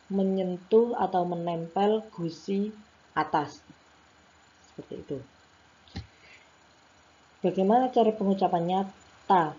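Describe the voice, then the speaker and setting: A woman teacher with an Indonesian accent talks very slowly in a low, mellow voice, modelling letter sounds patiently for a class to repeat. The recording is a little dull, with faint noise underneath. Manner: slow, patient explaining with repeated demonstration syllables. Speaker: Arabic teacher. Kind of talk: phonetics lesson, modelling sounds for repetition.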